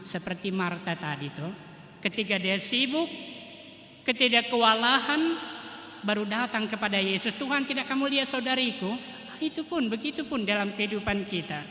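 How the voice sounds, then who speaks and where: Priest preaching in an echoey church. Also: male voice, high voice, animated, normal speed, bright, forceful tone. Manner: emphatic preaching, tag 'toh' often. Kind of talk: sermon. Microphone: livestream mic in church. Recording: echoey church hall, faint noise.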